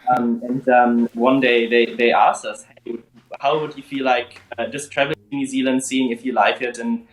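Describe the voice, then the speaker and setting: A man's voice: medium pitch, flat delivery, normal speed. A man in his twenties from Germany, a podcast guest chatting casually with many fillers and restarts. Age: 20s. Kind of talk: casual interview chat. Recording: roomy echo.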